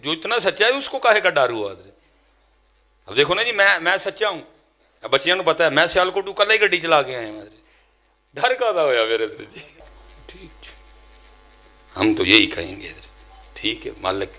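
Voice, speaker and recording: Brief: fiery cleric, animated, bright and biting, roomy echo. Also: male voice, a little high, long pauses. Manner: taunting, rising to shouted challenges. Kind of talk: combative sermon-style rant.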